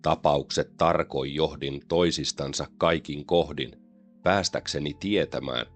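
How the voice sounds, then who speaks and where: A man with an extremely deep, low voice reads a gothic poem aloud. His delivery is slow, solemn and measured, with faint music behind him. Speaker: poetry reader. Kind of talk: dramatic poetry recitation.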